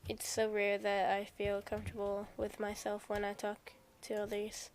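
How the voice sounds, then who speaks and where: A woman's voice: medium pitch, completely flat delivery, moderate pace, slight background noise, lightly acted. A woman reading as Yuri, shy bookish girl. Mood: tender. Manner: hesitant, self-doubting, gentle. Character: shy, soft-spoken bookish teenage girl.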